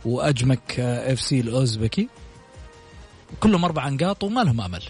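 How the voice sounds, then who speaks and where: A man's voice: mid-range voice, big pitch swings, fast, darkish tone, husky, faint music behind. A man hosting a radio sports show, running through league standings and questioning his guest. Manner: questioning, lists standings and results.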